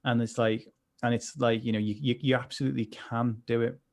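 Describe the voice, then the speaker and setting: A man's voice: mid-range voice, flat delivery, fairly quick, gravelly. A man, a mental health coach, chatting earnestly on a livestream, rambling with many restarts. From United Kingdom. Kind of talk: casual conversation on a livestream.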